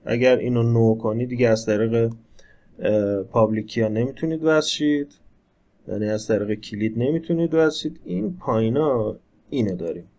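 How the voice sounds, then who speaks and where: A man's voice: medium pitch, darkish tone. A man teaching a screen-recorded tech tutorial, talking casually and explaining each step as he works the computer. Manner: conversational, explains step by step while operating the computer. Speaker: instructor.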